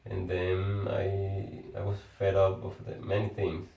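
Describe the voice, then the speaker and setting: A Venezuelan engineer whose first language is Spanish chats casually in halting English, restarting words as he hunts for the right phrase. His voice is a bit low, monotone, warm and vocal-fried. The lo-fi recording has him far from the mic in an echoey room.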